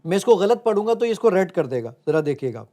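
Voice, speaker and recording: A man's voice: high voice, very animated, mellow. A man with a slightly raised voice talks in an earnest, explaining way. He is the founder of a tech app, guesting on an interview show and walking the host through a live demo one step at a time. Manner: earnest, explains step by step while showing a phone.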